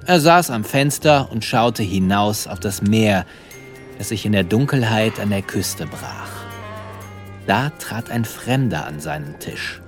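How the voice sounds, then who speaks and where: A man narrating a story in an unhurried, measured way. His voice is lowish and lively, with soft music behind him. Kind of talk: scripted narration.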